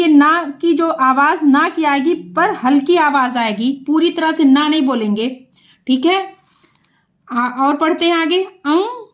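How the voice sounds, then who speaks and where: A woman's voice: sits high, dull audio. A woman teaching reading, patiently drawing out syllables for practice. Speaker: Hindi teacher. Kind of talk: slow, clear reading lesson.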